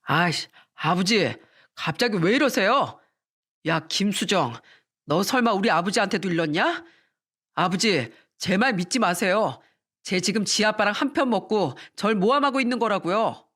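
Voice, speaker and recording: A woman's voice: medium pitch, expressive, normal speed, a bit bright. A woman voicing a sneering two-faced husband. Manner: sneering, defiant, blaming others. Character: arrogant, rude young husband, a two-faced bully.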